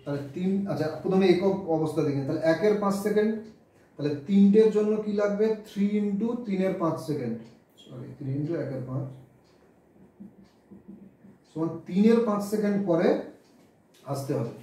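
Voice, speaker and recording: During a physics class, a man with a high, mellow, expressive voice talks at a moderate pace and pauses often. He explains things step by step, works sums out loud, and mixes in English terminology. The mic is distant and the room very echoey.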